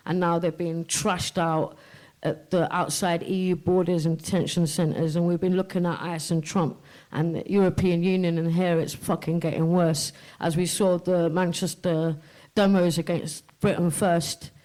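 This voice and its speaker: A woman's voice: fairly low pitch, darkish tone, low-quality recording. A woman poet from Kashmir chats candidly on stage at a live event with an audience present. Her talk is blunt and outspoken, and she swears freely. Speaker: poet and podcast guest.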